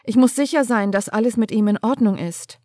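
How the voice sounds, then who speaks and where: A woman reading a first-person audiobook story aloud, emotional and falling to a hush in tense passages. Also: a little high, fairly quick, dry recording, clean studio sound. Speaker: audiobook narrator.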